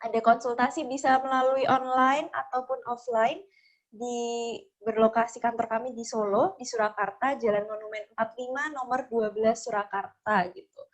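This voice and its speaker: Female webinar moderator, chatty and a bit high, video-call sound. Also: steady tone, moderate pace, rough recording. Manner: friendly, chatty, with frequent "nih" and "gitu ya" fillers.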